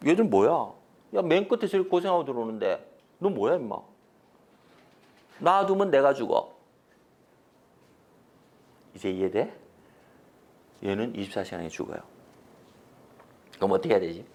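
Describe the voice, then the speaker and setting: Animated male lecturer, lively pitch. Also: normal speed, pauses often. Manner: animated storytelling, swings from loud to soft, acts out quotes; mixes polite and blunt casual speech, asks the audience questions. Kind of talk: corporate training lecture.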